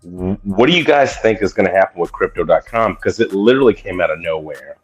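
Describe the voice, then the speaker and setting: A man's voice: deep voice, lively intonation, fairly quick, breathy edge, faint music behind, low-quality recording. A man in a casual crypto chat, asking polite, hesitant questions.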